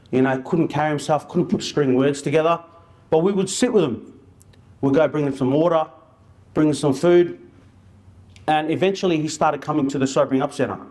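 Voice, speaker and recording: A man's voice: fairly high pitch, darkish tone. Informal male presenter. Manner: colloquial and anecdotal, with slang and re-enacted dialogue. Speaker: outreach worker presenting to an audience.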